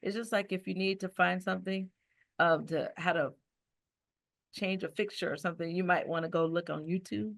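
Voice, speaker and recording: A woman teacher speaking on a panel, recounting her experience in a relaxed, thorough way over a video call. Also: fairly low pitch, moderate pace, gravelly. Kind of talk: panel discussion.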